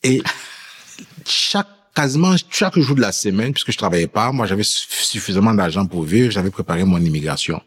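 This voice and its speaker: A man with a lowish, husky, animated voice talks fairly quickly. An immigrant who lived in France before Quebec, he's an interview guest telling his faith story, acting out snippets of dialogue as he goes.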